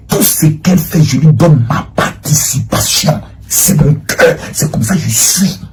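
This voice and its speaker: Husky animated man commentating. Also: a little high. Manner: animated, rambling, repeats himself while searching. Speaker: online commentator. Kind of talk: livestream commentary reading chat screenshots.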